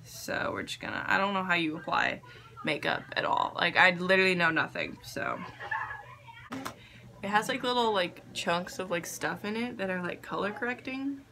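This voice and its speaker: A young woman vlogging casually, halting and unsure of herself, with a self-deprecating way of talking. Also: fairly low pitch, expressive. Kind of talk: casual makeup vlog chat. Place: attic bedroom, indoors. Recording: faint background noise, room ambience.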